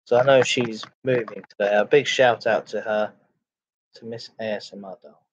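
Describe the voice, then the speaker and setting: A man hosting a casual livestream chat, greeting viewers in a halting, repetitive way. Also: lowish voice, steady tone, husky. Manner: halting, repeats phrases. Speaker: live streamer, host of a chat and ASMR stream. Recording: dull lo-fi microphone sound.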